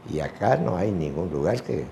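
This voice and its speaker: Older man, low mellow voice, unhurried halting interview answers, faint hiss behind. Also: lively intonation, gravelly. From Argentina. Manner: slow, halting, with many fillers. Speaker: retired sports teacher.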